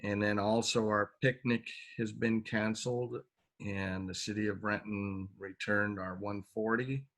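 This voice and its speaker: A man reading out a club budget report on a video call, slow and plain with pauses. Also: on the low side, steady tone, fairly bright tone. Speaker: club treasurer.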